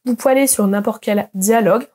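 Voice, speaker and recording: A young woman giving an online pronunciation lesson as an English teacher, explaining patiently and slowly modeling example words. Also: medium pitch, a little mellow.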